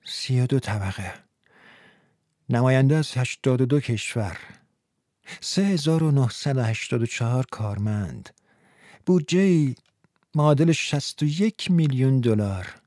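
A man voicing a brooding, scheming young male idealist in an audiobook, speaking in a low mutter. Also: a little mellow, no echo, studio quality, lightly acted. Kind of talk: audiobook character voice.

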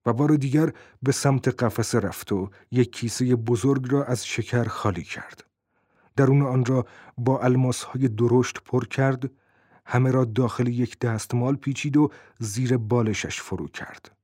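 Husky man narrating a novel. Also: mid-range voice, steady tone, dark tone, no echo, studio quality.

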